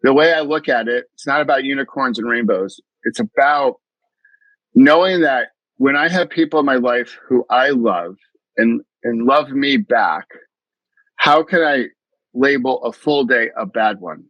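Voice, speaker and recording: A man's voice: medium pitch, a little slow, no echo, lo-fi sound. A middle-aged man from the US East Coast, a mindfulness coach telling his story in an interview in an earnest, reflective way, often restarting his sentences. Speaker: mindfulness coach and podcast guest.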